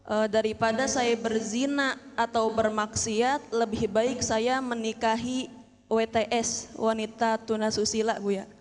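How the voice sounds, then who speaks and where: Polite, hesitant woman questioner in a reverberant hall, flat and even voice. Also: a little high. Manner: polite, hesitant with many fillers. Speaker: audience member asking a question. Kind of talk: formal question to a preacher.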